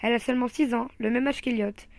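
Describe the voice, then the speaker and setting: A woman reading a comic children's novel aloud in the first person, with lively storytelling. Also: fairly high pitch, fast, gravelly, dry recording.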